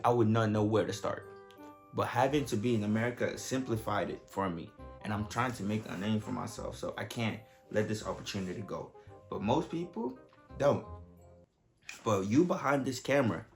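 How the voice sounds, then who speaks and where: Gravelly young man from Nigeria vlogging. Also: fairly low pitch, fairly quick, soft background music. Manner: joking, profane, animated storytelling. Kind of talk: casual storytelling to camera.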